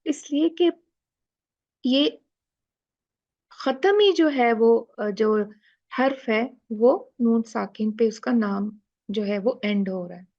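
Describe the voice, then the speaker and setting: A woman's voice: on the high side, slow, vocal fry, pauses often, a little mellow, muffled recording. A woman teacher explaining recitation rules in a class, asking questions and drawing out letter sounds. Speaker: tajweed teacher.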